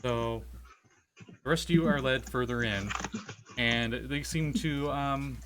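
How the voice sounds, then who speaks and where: A man speaking as game master, narrating a tabletop role-playing game in an informal, halting way. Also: medium pitch, fairly bright tone, slight background noise.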